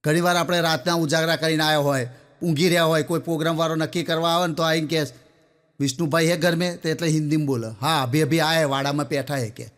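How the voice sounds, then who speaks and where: A man's voice: a little high, fairly even intonation, fast talker, a bit bright. A man telling a string of comic jokes in a chatty storytelling way, often turning to address his listeners directly. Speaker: stand-up comedian. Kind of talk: Gujarati folk joke telling.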